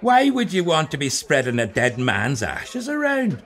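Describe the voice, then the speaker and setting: Gullible Irish sidekick male actor, fairly high voice, quaint wordy phrasing, very animated, audio drama. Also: measured pace, full character voice. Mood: wary. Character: gullible, good-natured Irish drinking pal, a bit slow.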